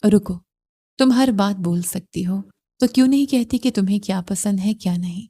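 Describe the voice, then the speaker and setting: A rude young husband laying down blunt, curt demands, voiced by a woman reader. The tone is mellow and dark, and the delivery stays close to her everyday voice. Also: mid-range voice, lightly acted. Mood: brusque. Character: brusque, possessive young husband.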